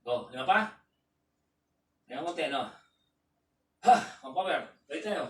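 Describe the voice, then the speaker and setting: A Filipino man coaching a patient through exercises, counting reps aloud and shouting cheers. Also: a little high, lively intonation, measured pace. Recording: roomy, distant, faint room noise.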